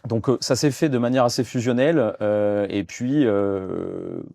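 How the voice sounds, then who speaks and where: A man's voice: on the low side, a little slow, gravelly, mellow, no room sound, studio quality. A man in his thirties from France, a guest in a business interview, talking with many fillers and restarts. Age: 30s. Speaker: guest, fund development director.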